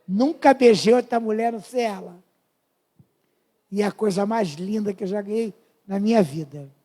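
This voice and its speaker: Preaching an impassioned testimony before his congregation, this Brazilian Portuguese-accented man in his fifties speaks with a high voice and a dark tone.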